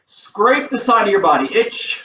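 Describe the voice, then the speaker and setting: A man teaching karate as an instructor, explaining each step in a careful, unhurried way. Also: sits high, animated, fairly bright tone. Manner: calls out counts during drills. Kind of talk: instructional lesson with demonstration. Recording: roomy, distant, dull, faint noise.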